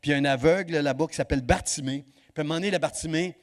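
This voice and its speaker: A male pastor preaching a sermon in church, swinging between loud exhortation and hushed emphasis. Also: fairly high pitch, racing.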